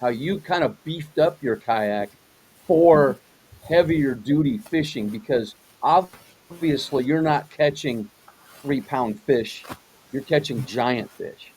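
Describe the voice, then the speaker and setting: A man's voice: mid-range voice, takes it slowly, darkish tone, a little hiss or hum, poor audio. A man hosting a casual interview, rambling a little, often repeating words and restarting his questions. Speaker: host.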